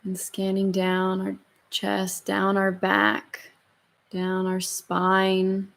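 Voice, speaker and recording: A woman leading a guided meditation as a yoga instructor, in a soft, soothing, slow murmur with long pauses between phrases. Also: mid-range voice, monotone, gravelly.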